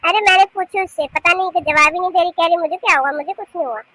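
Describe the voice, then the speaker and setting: A fussy old mother-in-law from a cartoon, with a very high, bright, cartoonish voice. She scolds and questions the household, calling out loudly. The recording is dry and close. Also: fast talker, no echo. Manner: scolding, questioning, loud calls. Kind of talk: animated cartoon voice acting.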